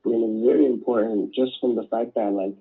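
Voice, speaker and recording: 20s guy from canada on a call, husky, umming a lot, phone-quality audio. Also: medium pitch, steady tone, brisk. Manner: hesitant, filler-heavy answers. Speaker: prospect on a sales call. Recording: tinny phone-call recording.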